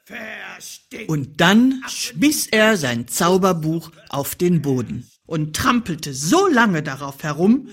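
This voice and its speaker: A woman narrating a children's story in an expressive, playful way. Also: low-pitched, husky. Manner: slow, playful, with dramatic pauses. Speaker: audiobook narrator.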